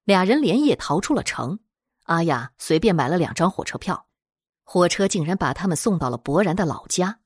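Woman, horror story narrator, scripted storytelling, dramatic delivery, husky tone, dry close sound. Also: on the low side, moderate pace, dry recording. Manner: dramatic, expressive storytelling with swells of intensity.

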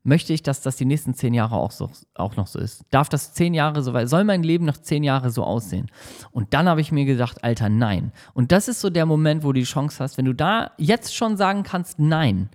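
Animated man giving casual motivation. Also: fairly high pitch, a little fast. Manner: animated, slangy, acts out whiny coworkers.

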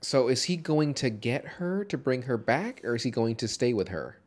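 A man's voice: mid-range voice, lively intonation, moderate pace. A man co-hosting a casual movie podcast, talking in a rambling, jokey way with lots of swearing. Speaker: podcast co-host.

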